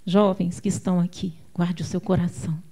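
A woman's voice: fairly low pitch, level tone, fairly quick, dark tone. A woman preacher with a Brazilian Portuguese accent gives an emphatic sermon, calling out to the congregation and telling homely stories.

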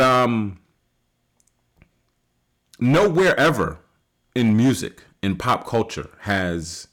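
A man in his late thirties hosting a solo podcast, talking casually and rambling with many fillers and restarts, rising loud and high when he makes a point. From United States. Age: 30s. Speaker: podcast host.

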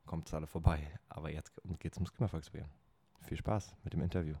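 A man hosting a casual podcast, relaxed and hesitant with many ums. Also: very deep voice, fast talker, slightly rough. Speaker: podcast host.

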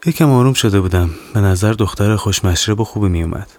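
A man narrating a serialized horror audio novel in the first person, calm and measured. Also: lowish voice, dry recording. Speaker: narrator and author.

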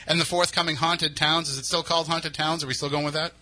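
A man with a fairly high, very bright and forceful voice hosts a radio talk show. He speaks casually and conversationally. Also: flat delivery, fast. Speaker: radio host and paranormal lecturer.

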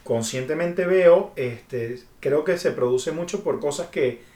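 A man's voice: fairly high pitch, takes it slowly, warm tone, echoey room. A Venezuelan man in casual podcast talk, speaking in an earnest, confessional way. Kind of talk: casual conversation.

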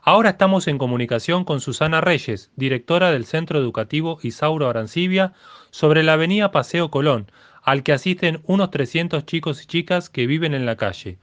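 Man, Argentine accent, radio host, formal announcing, higher voice, dry close sound. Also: lively intonation, fairly quick, a bit bright, no room sound, dull audio. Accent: Argentine Spanish. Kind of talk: radio news presenting.

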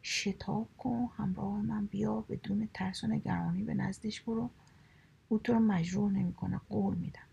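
A woman whispering a storybook reading, voicing a scheming, flattering male fox in a coaxing tone. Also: mid-range voice, muffled recording, full character voice. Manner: coaxing, smooth-talking, whispered.

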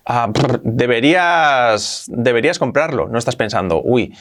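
Lively man from Spain teaching English. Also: normal speed. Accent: Spanish from Spain. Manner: lively, repeats words for drilling, pitch jumps up for emphasis. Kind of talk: explaining grammar to camera.

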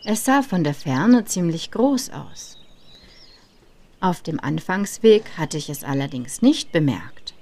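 Woman in her 30s reading out her own travel story, calm and thoughtful, a bit low voice. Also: slow. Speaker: podcast narrator. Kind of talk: first-person travel story narration.

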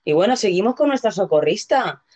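A woman's voice: mid-range voice, expressive, a little fast, a little mellow. A woman with a Castilian Spanish accent hosting a casual live show, chatty, playful and given to exclamations. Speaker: host. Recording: dull, lo-fi audio.

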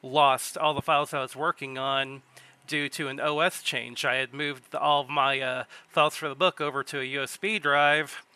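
A man hosting a podcast, chatting casually and relaxed, telling stories and using plain everyday comparisons. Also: mid-range voice, normal speed, clear, resonant tone. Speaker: podcast host. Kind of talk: casual chat.

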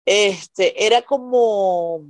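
This podcast guest is a stand-up comedian with a Maracaibo Venezuelan accent who draws out her words in a mid-range voice. She tells stories and explains things conversationally, often checking that listeners understand, in a studio recording free of room sound.

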